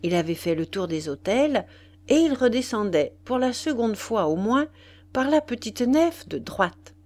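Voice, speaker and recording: A woman reading a classic novel aloud as a calm, measured audiobook narrator. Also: on the high side.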